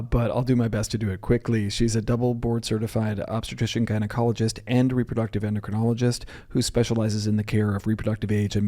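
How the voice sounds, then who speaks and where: A man hosting a podcast interview in a relaxed, easygoing way, with frequent ums. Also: lowish voice. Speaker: podcast host and physician. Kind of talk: casual interview conversation.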